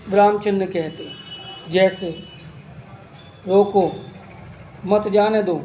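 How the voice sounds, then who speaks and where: High-voiced man teaching slowly. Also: warm tone, a little hiss or hum. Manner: slow, listing terms and examples one by one. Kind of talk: exam-prep grammar lesson. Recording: echoey room with faint ambience.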